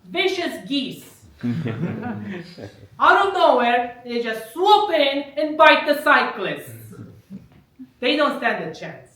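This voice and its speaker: Bright-voiced woman doing stand-up in an echoey room. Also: high-pitched, very animated, slow pace. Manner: wry wordplay, laughs at her own jokes. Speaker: comedian. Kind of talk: live prop stand-up comedy. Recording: echoey room, mic at a distance.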